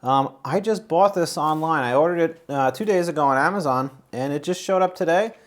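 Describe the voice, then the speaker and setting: A man's voice: fairly high pitch, fairly quick. A man hosting his own channel, talking casually through an unboxing and review with lots of fillers, restarts and asides. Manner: rambling, chatty, many fillers and restarts. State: out of breath. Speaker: YouTube channel host.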